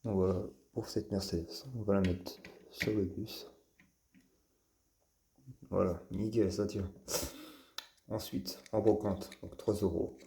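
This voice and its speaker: Male vlogger, gravelly, dark-toned voice, unhurried, hesitant delivery while presenting toy finds. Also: on the low side, steady tone, slight background noise. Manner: halting, with frequent fillers and restarts. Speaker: toy car collector and channel host. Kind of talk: casual show-and-tell vlog.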